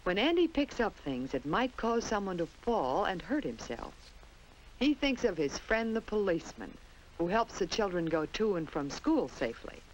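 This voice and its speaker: This is a sing-song, mid-range female voice at a moderate pace, narrating for young children in a plain storytelling style. She's American, and the clip comes from an old 1950s children's instructional film soundtrack. Audio is poor, with slight background noise.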